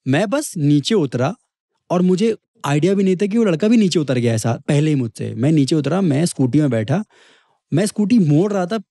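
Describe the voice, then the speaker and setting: Guesting on a casual storytelling chat, this young MMA fighter from Kanpur, India, recounts events with energy and performs the dialogue he quotes. His voice is a little high and a little fast, captured in clean studio audio with no room sound.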